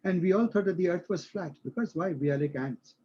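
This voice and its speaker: A man's voice: sits high, a little fast, warm tone, muffled recording, slight background noise. A male instructor explaining a concept to a live class, using everyday examples and often checking that students follow.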